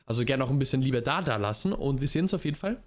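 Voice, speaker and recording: A man's voice: mid-range voice, expressive, rapid-fire. A young man streamer giving casual reaction commentary, laid-back and dropping English gamer slang into his talk.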